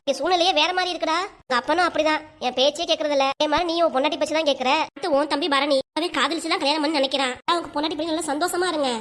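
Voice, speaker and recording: A woman's voice: high-pitched, fairly bright tone. A woman voicing a stubborn, bitter elderly grandmother in a cartoon, talking with a Kanyakumari Tamil accent. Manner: rapid, scolding and reproachful. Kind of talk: cartoon voice acting.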